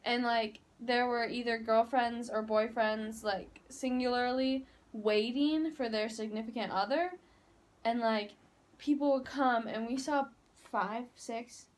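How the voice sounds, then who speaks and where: A woman's voice: fairly high pitch, fairly even intonation, measured pace. A young woman chatting casually in a late-night travel vlog, tired, with lots of "like" fillers. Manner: chatty, fillers like "like", playful mimicking. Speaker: vlogger. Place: hotel room at night.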